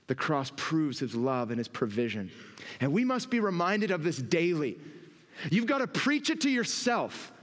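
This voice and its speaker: High-voiced preaching man in reverberant hall. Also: moderate pace. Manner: expressive preaching, acts out quoted inner voices. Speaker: pastor. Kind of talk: sermon. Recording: long reverb from a church hall.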